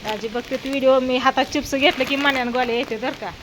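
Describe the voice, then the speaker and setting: A woman's voice: sits high, steady tone, fast talker. A woman chatting casually in a home vlog outdoors, coaxing her pets in a sing-song voice. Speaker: vlogger. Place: outdoors at a house doorway, windy and rainy. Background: faint wind and rain.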